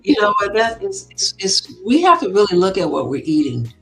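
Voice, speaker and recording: A woman co-host in a casual discussion, speaking in a deliberate, affirming way. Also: mid-range voice, big pitch swings, a bit bright, faint music behind.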